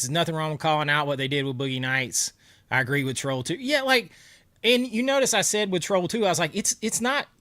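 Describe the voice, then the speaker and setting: Answering viewer comments on a casual livestream, this host chats and laughs while working around a cough drop. Congestion makes his bright, forceful, fairly high-pitched voice nasal, and he has a stuffy nose and sore throat; there's no room sound.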